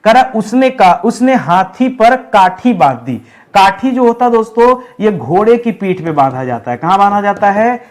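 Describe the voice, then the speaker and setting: A young man teaching a Hindi spelling lesson for exam preparation, repeating each word slowly and asking his students rhetorical questions. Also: high voice. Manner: repeats and drills words, asks the class rhetorical questions; calls his listeners friends, relaxed and unhurried. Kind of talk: online exam-prep lesson.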